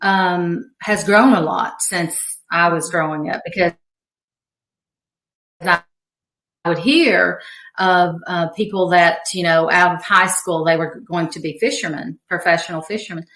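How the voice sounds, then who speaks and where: A woman from rural talks in a relaxed, chatty way, her clear and her voice on the low side. She laughs often and fills her sentences with little pauses. The recording has a roomy echo. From rural Kentucky. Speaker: guest, angler's wife. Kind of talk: casual podcast chat.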